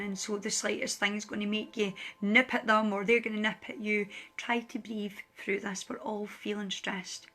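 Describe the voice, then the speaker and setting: A woman's voice: medium pitch, sharp tone. A woman speaking as a spiritual light worker, earnestly pleading with viewers in a heartfelt direct address, emotional and close to tears. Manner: earnest, pleading, repeats phrases for emphasis.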